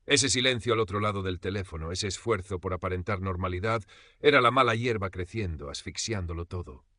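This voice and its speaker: An older man from Spain narrates a first-person story with dramatic tension. His lowish voice is bright and forceful. The recording is dry and close. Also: brisk, dry recording. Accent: Spain Spanish. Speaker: audiobook narrator.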